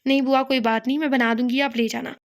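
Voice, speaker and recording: A woman reading the part of a quiet, grieving young woman who speaks in soft, sorrowful pleas. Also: sits high, steady tone, fast.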